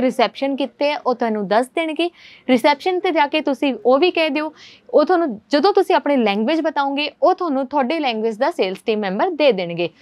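Chatty, reassuring woman with a higher voice. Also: no room sound. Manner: chatty, reassuring, direct address. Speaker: company presenter. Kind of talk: promotional talk to camera. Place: large clothing showroom indoors.

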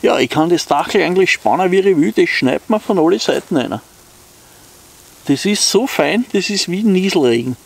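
A man with an Austrian accent speaks in a high, animated, slightly rough voice with vocal fry at normal speed. Out in snowy woods, this outdoor vlogger chats casually and unscripted to his viewers in an easygoing, rambling way.

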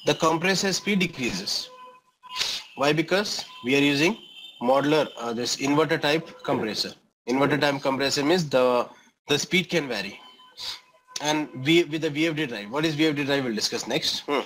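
A middle-aged engineering instructor with an Indian accent gives an explanatory lecture, often checking understanding with short questions and tags. His voice is on the high side and fairly bright, in a low-quality recording.

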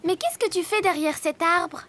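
A woman voicing Lily, a sweet, friendly little girl donkey in a children's cartoon, with a high, sing-song childlike voice. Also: expressive, normal speed, fairly bright tone. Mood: gentle. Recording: music behind the voice.

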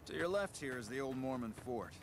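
A man playing a smug, self-important mercenary bodyguard in a video game, talking briskly and confidently. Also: medium pitch, animated, noisy background, natural voice. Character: smug, cocky male mercenary bodyguard, shady con artist. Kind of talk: video game character dialogue.

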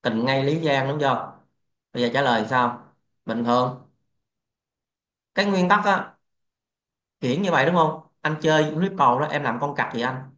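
A man's voice: mid-range voice, normal speed, long pauses, fairly bright tone. A man hosting a crypto trading channel, lecturing bluntly and swearing freely in a casual livestream rant. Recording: echoey, dull lo-fi sound.

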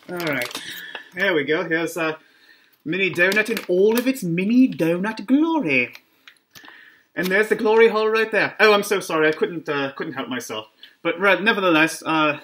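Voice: medium pitch, a bit bright. Masked food vlogger, muffled through a costume mask, wry self-mocking banter, noisy recording. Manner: jokey, rambling, self-mocking asides. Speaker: snack reviewer. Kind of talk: casual food review vlog. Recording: clear background noise.

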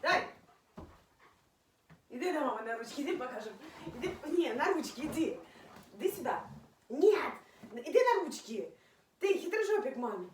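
A woman's voice: high voice, sing-song, normal speed, long pauses, far from the mic. A woman at home talking to her dog in playful, teasing baby talk and laughing often, recorded on a phone camera held away from her. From Ukraine. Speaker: dog owner. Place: at home indoors. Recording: roomy, from off-mic, faint noise.

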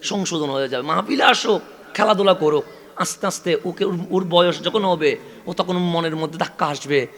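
A preacher from Chittagong with a Chittagonian accent delivers a sermon at a religious gathering in a high, bright, ringing voice. He keeps turning to the crowd with rhetorical questions and repeated call-and-response lines. His delivery swells into loud, stretched-out climaxes. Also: moderate pace. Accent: Chittagonian Bengali. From Chittagong, Bangladesh.

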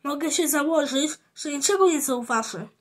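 A woman's voice: high voice, moderate pace, natural voice. A woman reading aloud as a sly, jealous, bossy boy. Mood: scheming.

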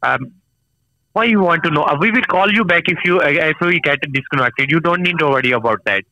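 A man's voice: a little high, expressive, a little fast, pushed and bright, dry recording, low-quality recording. A man with an Indian accent on a phone sales call, impatient and hesitant, filling gaps with "okay" and "uh". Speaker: scam caller.

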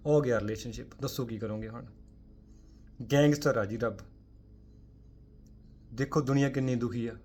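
A man gives a fervent Sikh spiritual talk straight to his viewers, firing off rhetorical questions. His voice sits at an ordinary middle pitch. He swings from loud, punchy emphasis to quiet, dropped asides and tosses in English words as he goes. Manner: forceful, full of rhetorical questions.

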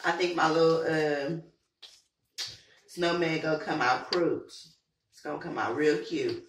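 A woman hosting a casual vlog, hoarse from being sick, chatty and full of questions for her viewers. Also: deep voice, fairly even intonation, measured pace. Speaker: vlog host. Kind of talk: casual chat. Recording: roomy echo, from far off the mic, faint noise.

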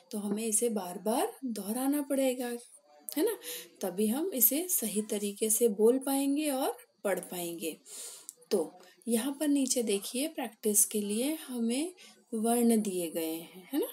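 A woman teaching a children's class, asking questions and repeating drawn-out words for her young pupils. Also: a little high, lively intonation, dark tone. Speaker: primary school teacher. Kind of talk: slow classroom lesson.

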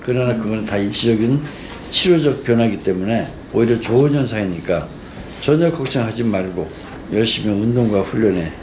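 A man's voice: on the low side, very fast, darkish tone. A man speaking as a clinician, putting questions to a patient and giving explanations. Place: small clinic room, indoors. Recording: roomy clinic with clear background noise.

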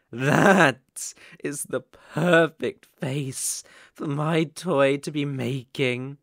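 In a clean studio recording with no room sound, a man with a slightly high voice plays a sadistic, obsessive young kidnapper in an ASMR roleplay. He gloats, stretching out his words in a menacing, mocking way.

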